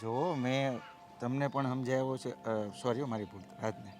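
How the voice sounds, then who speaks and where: A middle-aged actor playing a humble father who pleads earnestly and tries to calm others. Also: mid-range voice, normal speed, soft background music, natural voice. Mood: pleading. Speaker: actor in a family drama.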